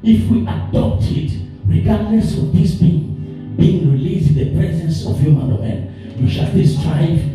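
Preaching in a church hall with an African English accent, this pastor sounds somewhat high for a man, animated and warm, at a slightly slow pace. He stacks one promise on another in a rolling, repetitive rhythm, repeating phrases as his declarations rise. Music plays clearly behind him, and he's heard from afar in a very echoey hall.

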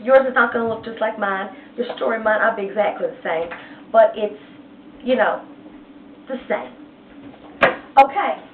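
Playful, chatty woman art teacher; higher voice, distant tinny recording. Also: moderate pace, long pauses, slight background noise. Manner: chatty, playful, retells story in slang. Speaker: painting teacher. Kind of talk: casual art lesson with storytelling. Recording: echoey, tinny, far from mic.

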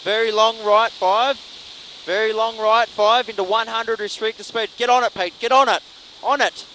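High-pitched man barking rapid rally pace notes. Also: fairly even intonation, bright, forceful tone, poor audio. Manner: urgent, clipped, repetitive calls. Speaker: rally co-driver. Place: inside a moving rally car. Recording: in-car recording with clear vehicle noise.

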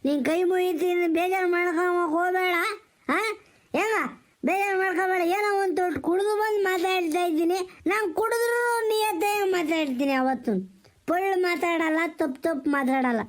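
A man playing a tipsy middle-aged village elder who pleads slowly and repeats himself. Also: very high-pitched. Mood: pleading. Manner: slow, pleading, repetitive.

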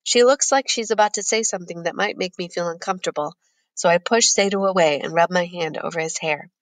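A woman narrating a first-person novel as an audiobook in a steady, measured reading. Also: fairly low pitch, no room sound.

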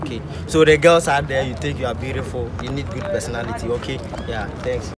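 A young man from Ghana hosting a street interview outdoors, asking people questions in a teasing, animated way. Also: mid-range voice, quick pace, crowd noise. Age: young adult. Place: outdoors in a sunny town square. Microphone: phone held at arm's length.

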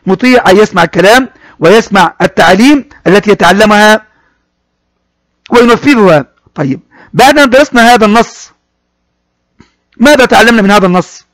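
High-voiced teacher explaining a poem. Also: male voice, expressive, fairly bright tone, no room sound. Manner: addresses pupils directly, repeats words slowly and spells them out. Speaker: primary school Arabic teacher. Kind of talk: classroom lesson explaining a poem.

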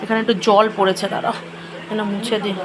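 A woman with a hoarse voice from a cold, chatting casually to viewers in a home vlog from her kitchen. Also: medium pitch, little pitch movement, fast. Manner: chatty, addresses viewers directly. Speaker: vlogger. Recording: noisy home recording.

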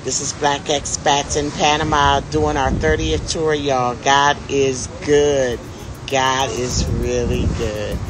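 Her pitch is extremely low, her intonation fairly even, and she takes her time, with background noise and music clearly behind her. The speaker is a middle-aged vlog host and tour organizer streaming a casual live selfie video outdoors on a city street, phone at arm's length, enthusiastically addressing her viewers as y'all.

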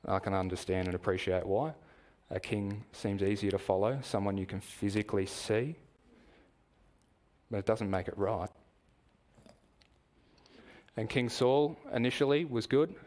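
A man with an Australian accent preaching a sermon in a church, measured and explanatory, asking the congregation questions. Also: fairly low pitch, a little mellow.

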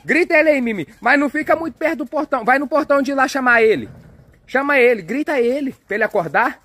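A young father, filming his kids at play outdoors and narrating in an excitable, coaxing way. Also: very high-pitched, fast, slight background noise. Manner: excitable, coaxing, cheers and exclaims often. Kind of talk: playful family vlog narration. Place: outdoors on a street and yard.

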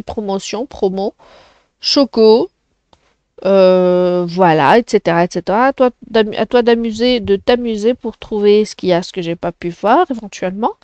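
A woman's voice: mid-range voice, darkish tone, no room sound. A woman teaching a French lesson to children, explaining patiently and often checking "d'accord?".

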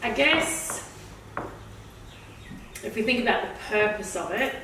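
A woman's voice: medium pitch, lively intonation, a little slow, pushed and bright. A middle-aged woman discussing renovation work casually on site. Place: bare indoor hallway under renovation. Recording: echoey room, far camera, faint noise.

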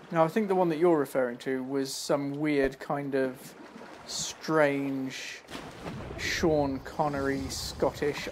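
A man chatting casually while playing a video game live, breaking into quick exclamations as he reacts. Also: fairly high pitch, a little hiss or hum. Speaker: streamer. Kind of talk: live gameplay commentary. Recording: game music playing behind.

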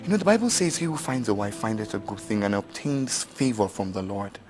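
A man's voice: fairly low pitch, lively intonation, fairly quick, a little mellow, faint music behind, lightly acted. An actor with a Nigerian accent playing a caring male friend who stammers and talks in an earnest, preachy way. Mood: tender. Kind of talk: film drama acting.

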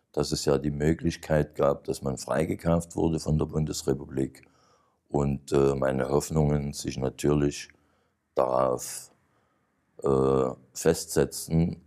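A sixty-year-old man, speaking slowly and hesitantly in an interview. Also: rumbling low, vocal fry, mellow. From Chemnitz, Germany. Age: 60s. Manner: slow, measured, hesitant with fillers. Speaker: former prisoner, interviewee.

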